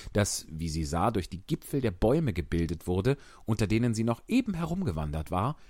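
A man reads a children's story aloud with expressive, animated narration. His voice moves a lot in pitch as he tells it. The recording is dry and close, with no room sound. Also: dry recording. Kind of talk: storybook reading.

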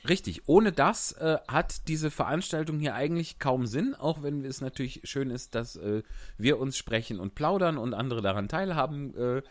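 A man reads a classic story aloud on a podcast with a lively, swinging voice, then slips into loose chat with his co-host. The sound is dry and close, with no room around it. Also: medium pitch, moderate pace, no room sound. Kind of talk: reading a novel aloud, then casual chat.

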